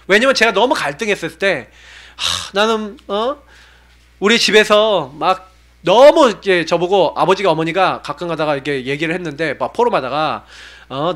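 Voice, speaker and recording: A man in his forties, a pastor preaching a sermon with animated urging and low, confiding asides.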